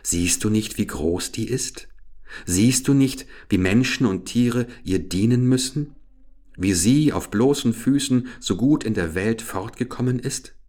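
A man's voice: medium pitch, lively intonation, moderate pace, few pauses, mellow, voice pushed up, natural voice. A man voicing an old Finnish wise woman in a fairy tale, speaking earnestly with raised emphasis.

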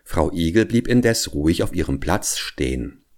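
A man reading a fairy tale aloud in an expressive, measured storytelling manner. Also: sits low.

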